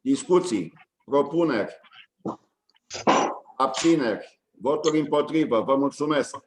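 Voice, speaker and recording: A man chairing a county council meeting, reading out agenda items and calling votes in a brisk, routine way. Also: mid-range voice, animated, poor audio. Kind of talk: formal procedural chairing.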